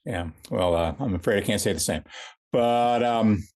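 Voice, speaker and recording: A man's voice: fairly low pitch, moderate pace, darkish tone. A man hosting a conversational interview show, opening the episode and asking his guest friendly, joking questions. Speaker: host, interviewer.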